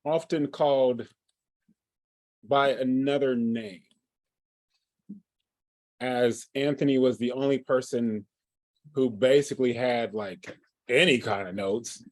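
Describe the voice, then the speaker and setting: A man running a livestreamed tabletop game as game master, halting and full of fillers and restarts. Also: medium pitch, a little mellow, no echo.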